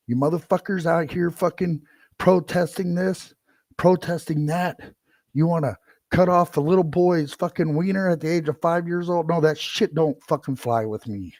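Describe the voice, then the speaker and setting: A man's voice: a little high, no echo, studio quality. Angry profane middle-aged man. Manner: profane, heated and repetitive. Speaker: podcast host. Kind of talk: angry solo rant.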